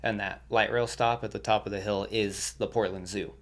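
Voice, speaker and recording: A man's voice: fairly low pitch, flat delivery, moderate pace, fairly bright tone. A young man, a podcast guest, telling laid-back stories with lots of swearing and laughter. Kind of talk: casual storytelling.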